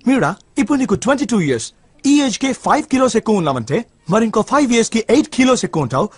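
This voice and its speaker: A man's voice: high voice, big pitch swings, rapid-fire, husky, no room sound, heavily acted. An actor playing a rude, cocky young man who teases and insults his date in a dubbed film comedy, mixing in English. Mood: mocking. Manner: mocking, teasing, mixing in English.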